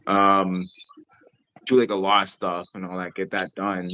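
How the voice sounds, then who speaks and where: A man with a low-pitched voice chats loosely on a live stream. His talk is rambling and profane, full of filler phrases. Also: flat delivery, unhurried, pushed and bright, a little hiss or hum. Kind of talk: casual chat on a live stream.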